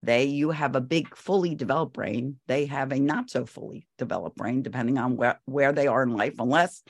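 A woman's voice: sits low, no room sound, clean studio sound. Firm older woman giving parenting advice. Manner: firm, instructive, repeats key points. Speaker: parenting expert guest. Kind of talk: advice interview.

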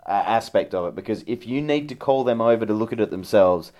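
A man's voice: on the low side, animated, brisk, mellow. A man as a podcast co-host, arguing heatedly about football refereeing and swearing as he rants. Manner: heated, argumentative ranting with swearing. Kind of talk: casual football chat.

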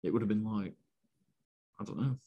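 Man, lowish voice, even delivery, hesitant fillers, podcast co-host chat. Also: moderate pace, husky, dull audio. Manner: steady, not very animated, hesitant with fillers.

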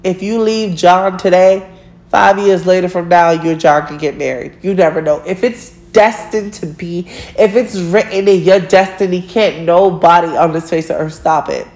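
A woman's voice: on the low side, normal speed, darkish tone. A woman, giving blunt relationship advice in a casual monologue, swearing freely and laughing at herself.

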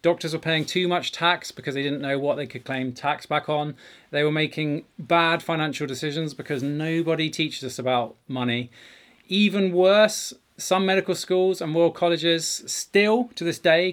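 A man's voice: fairly high pitch, moderate pace, a bit bright. Male podcast host talking in a garage. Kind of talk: conversational podcast presenting. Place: home garage.

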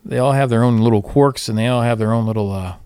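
Man, podcast host, casual banter, jokey, chuckly, medium pitch, dry sound. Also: quick pace, a little mellow, clean tone, no echo. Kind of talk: casual chatty co-hosted show banter.

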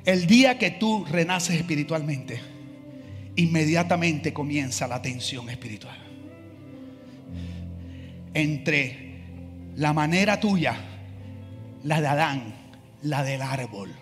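High-voiced animated pastor preaching. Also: male voice, a little slow, long pauses. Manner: animated, acts out voices in dialogue. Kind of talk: sermon. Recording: long hall reverb, faint music.

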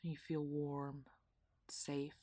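A woman guiding a relaxation meditation in a soft, half-whispered, soothing voice. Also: deep voice, completely flat delivery, extremely slow, no room sound. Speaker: meditation guide.

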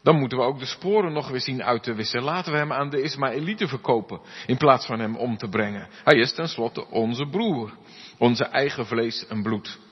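A man, a pastor, reading Scripture aloud and then preaching, giving the characters' lines an expressive voice. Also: medium pitch, normal speed, slightly rough. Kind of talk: Bible reading and sermon. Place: church hall. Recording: dull, reverberant church recording.

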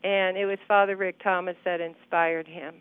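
A woman in her sixties from Arizona, recalling her years of mission work in an unhurried way, pausing with many ums. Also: on the low side, little pitch movement, clear, resonant tone, no room sound. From Phoenix, Arizona, USA. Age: 60s. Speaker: longtime mission worker. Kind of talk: casual interview, personal story. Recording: narrow phone-like sound.

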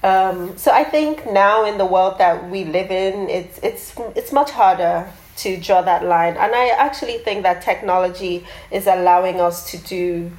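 A woman's voice: fairly low pitch, a little slow, hardly any pauses, darkish tone. A woman artist being interviewed about her project, talking thoughtfully with many fillers and restarts. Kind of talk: casual interview talk. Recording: roomy echoey sound.

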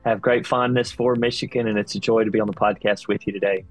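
A man's voice: lowish voice, fairly even intonation, quick pace, dry recording, faint music behind, poor audio. A man with a Southern US accent, a pastor telling stories as a podcast guest, with frequent fillers. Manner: warm storytelling with frequent fillers. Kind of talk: conversational interview.

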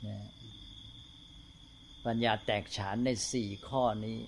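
An older male Buddhist monk giving a slow, unhurried talk to fellow monks, often checking in with tag questions. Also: slight background noise.

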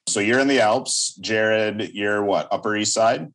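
A man's voice: fairly low pitch, measured pace, a bit bright, poor audio. A man hosting a podcast in a casual, chatty style. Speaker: podcast host. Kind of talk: casual chat.

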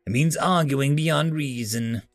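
A man's voice: a little high, measured pace, dry recording, studio quality, soft background music. A man putting on a haughty, scornful alien prisoner. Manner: haughty, disdainful. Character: proud, contemptuous male alien prisoner.

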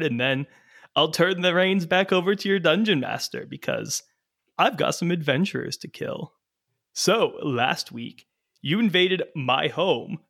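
A man's voice: a little high, pushed and bright, full character voice. A man voicing a sneering, menacing male villain who mocks the players with theatrical taunts.

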